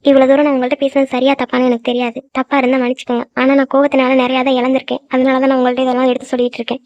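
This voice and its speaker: A woman's voice: high-pitched, monotone, racing, a little mellow, no room sound. A woman voicing a hot-tempered young woman in a cartoon who lectures her friends at length. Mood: earnest. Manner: scolding, lecturing, then frightened. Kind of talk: cartoon voice acting. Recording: dull lo-fi dry recording.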